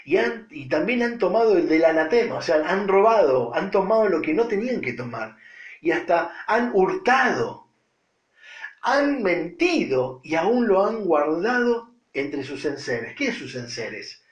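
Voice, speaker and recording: A preacher man with a Rioplatense Spanish accent, his voice set fairly high and rising and falling a lot. He drives his points home by repeating them and moves between forceful and quiet lines. The sound carries the echo of a roomy space. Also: very animated, slow. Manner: emphatic, repeats phrases for stress, swings between loud and hushed. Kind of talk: sermon.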